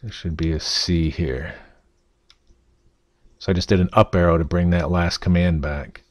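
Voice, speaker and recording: A man giving a software tutorial, thinking aloud and dictating what he types symbol by symbol in a halting, informal way. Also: deep voice, fairly even intonation, dry recording, highs cut off. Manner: dictates typed commands slowly, symbol by symbol. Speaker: instructor.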